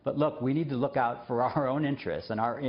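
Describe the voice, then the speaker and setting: A journalist and former diplomat joins a news show as a remote guest, speaking fast in a medium-pitched voice on a muffled recording. He talks earnestly, with lots of fillers and short laughs.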